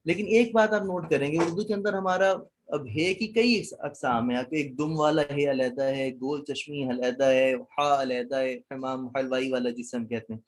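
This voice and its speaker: A man's voice: medium pitch, steady tone, few pauses, a little hiss or hum. A man lecturing a class, quizzing students and mixing in English words. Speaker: Arabic teacher.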